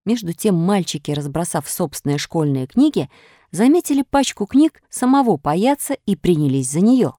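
A woman narrating a children's storybook with animated, expressive delivery. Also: lowish voice, moderate pace, no room sound, studio quality.

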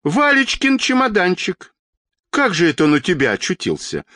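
A man voicing a spry, stubborn old woman in a storybook reading, speaking in a high, dignified, scolding way. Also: huge pitch swings, unhurried, a bit bright, no room sound, studio quality.

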